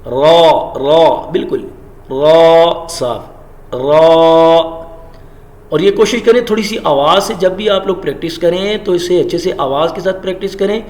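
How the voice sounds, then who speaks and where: Man teaching letter sounds, roomy echo. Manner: demonstrates letter sounds slowly and loudly, then explains in a lower voice. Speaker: Quran recitation teacher. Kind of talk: tajweed pronunciation lesson.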